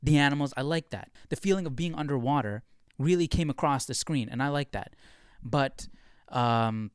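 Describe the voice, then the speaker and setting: A man giving a casual, conversational film review, thinking out loud as he talks. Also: mid-range voice, normal speed, clean tone, no echo, studio quality.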